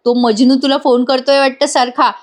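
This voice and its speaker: A woman's voice: sits high, level tone, normal speed, lightly acted. This is a gossipy middle-aged aunt, as a woman narrator reads her, grumbling with sarcasm. Her lines are drawn out. It is delivered like a simple read-aloud. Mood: sarcastic.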